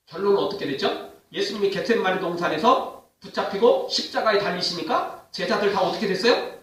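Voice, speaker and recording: A man preaching a sermon with an animated, high-pitched voice whose pitch climbs and drops constantly. He keeps throwing questions at the congregation. The sound is heavily echoey and comes from well back from the microphone. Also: far from the mic. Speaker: pastor. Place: church sanctuary.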